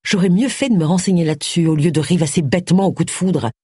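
A woman's voice: fairly low pitch, fast, mellow, breathy edge, no echo, clean studio sound. A reader voicing a brusque, wry middle-aged woman private detective in an audiobook. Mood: firm, wry. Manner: firm, impatient.

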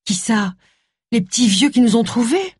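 A woman's voice: fairly high pitch, very animated, moderate pace, a little mellow, slightly rough, no room sound, clean studio sound, pitched above the performer's own voice, exaggerated voice. A woman voicing a matter-of-fact young female assistant in an audiobook. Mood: dry.

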